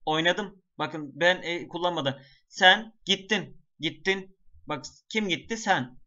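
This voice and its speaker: A man with a slightly high voice speaks at a measured pace, his tone pushed and bright. He walks an exam-prep class through the material step by step, often turning to the students, and chants word lists in a sing-song melody. The recording sounds dull and lo-fi.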